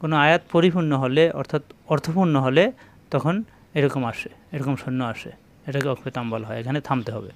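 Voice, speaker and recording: A man teaching Quran reading, sounding out syllables slowly and repeating them, speaking directly to his viewers. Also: medium pitch, steady tone, vocal fry. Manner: slow, drawn-out demonstration of letter sounds, repeating syllables; addresses viewers directly with instructions. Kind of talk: spoken Quran reading lesson.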